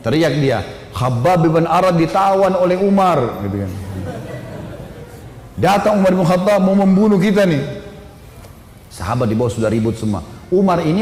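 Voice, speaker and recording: A man telling a story as a sermon, animated and casual, voicing the people in his story and dropping in filler tags. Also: fairly high pitch. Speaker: preacher. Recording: echoey hall with faint ambient noise.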